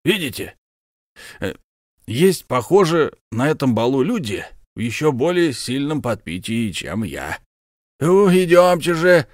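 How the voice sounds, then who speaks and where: A man's voice: mid-range voice, sing-song, a little slow, dry recording, clean studio sound, voice pushed up. A man voicing a blustering, hot-tempered, slightly drunk count who hosts a ball, speaking in effusive, theatrical exclamations. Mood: menacing. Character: blustering tipsy middle-aged count, host of a ball.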